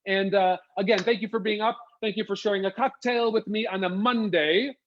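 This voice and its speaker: A man's voice: sits high, steady tone, a little fast, slight background noise. A man hosting a casual live stream as a wig designer, upbeat and laughing often. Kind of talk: casual livestream chat. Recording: dull lo-fi sound.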